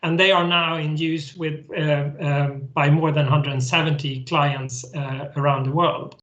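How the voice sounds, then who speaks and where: A man's voice: a little high, level tone, measured pace, a bit bright, roomy sound, dull audio. A man from Sweden with a Swedish accent, explaining his company's work as a webinar guest, earnest, with restarts and repeated words. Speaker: guest executive.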